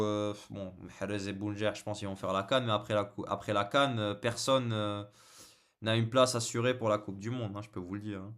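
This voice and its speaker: A man's voice: lowish voice, fairly bright tone. A man hosting a football live stream, chatting casually with viewers and answering their messages, hesitant and full of fillers. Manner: hesitant, many fillers and repeated words; joking, casual banter with viewers. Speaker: football channel host.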